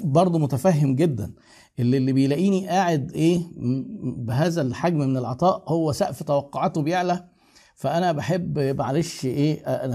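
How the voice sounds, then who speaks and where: A man's voice: medium pitch, warm tone, slightly rough. A middle-aged man with an Egyptian accent, chatting casually as a host and giving advice to viewers. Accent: Egyptian Arabic. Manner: fast, chatty, lecturing with asides.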